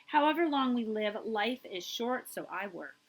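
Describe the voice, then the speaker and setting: A librarian reads a picture book aloud to children in an expressive voice with lively, swooping pitch at normal speed, adding brief asides. She is emphatic and draws out key words for her young listeners, though the recording is low quality.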